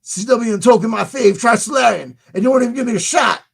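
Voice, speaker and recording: A man's voice: very high voice, quick pace, creaky, husky, voice pushed up, exaggerated voice. A man voicing an indignant underdog challenger, pleading for a shot in a mock tough-guy style.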